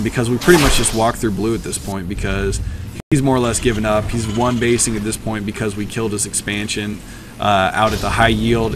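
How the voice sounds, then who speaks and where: A very tired man casually commenting on a replay of his own match late at night, rambling with many ums and uhs. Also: lowish voice.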